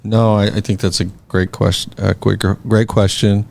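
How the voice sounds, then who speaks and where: Fairly low-pitched and gravelly with a bit of mellowness, this man speaks a little slowly in a flat delivery. The podcast guest, a scholarship foundation board president, thinks aloud in a relaxed, reflective manner, often using fillers and restarting.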